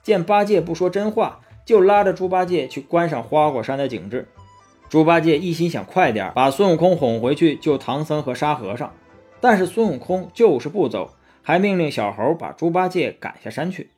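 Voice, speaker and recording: Male storyteller for a kids' story, fairly high, animated voice. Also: normal speed, slightly rough, soft background music. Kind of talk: children's story narration.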